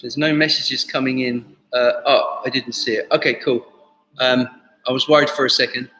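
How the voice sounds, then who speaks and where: A man's voice: medium pitch, fairly even intonation, normal speed, pushed and bright. A man instructing a live online tai chi class, reassuring and informal, often repeating his words. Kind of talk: live online movement class, step-by-step instruction and casual chat. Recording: echoey reverberant room, faint music.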